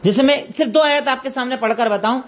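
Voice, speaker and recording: High-voiced woman teaching an Islamic lesson. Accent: Indian Urdu. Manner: explains step by step, repeats references. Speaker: religious teacher.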